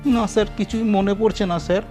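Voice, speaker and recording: A man's voice: high voice, fairly even intonation, fairly quick, dark tone, faint music behind, pitched above the performer's own voice, lightly acted. A man voicing a timid, newly dead male ghost who whines and pleads tearfully.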